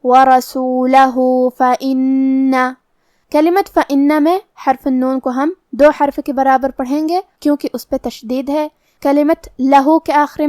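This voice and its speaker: A woman teaching the rules of Quran recitation, explaining each letter methodically between slow recited verses. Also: sits high, darkish tone, no room sound, studio quality. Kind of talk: tajweed lesson with slow recitation.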